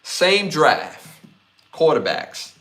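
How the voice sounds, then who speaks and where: Speaking very slowly in a sing-song voice on the high side, a podcast host in his forties sounds bright and forceful. His solo commentary aims directly at his live chat, full of emphatic appeals he keeps repeating.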